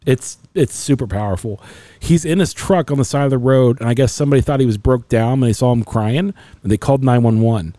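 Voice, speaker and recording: A middle-aged man speaks in a relaxed, mellow voice, telling personal stories with earnest emotion and frequent restarts. The sound is close and dry, in casual podcast conversation. His pitch sits in an ordinary middle range. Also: brisk, no echo.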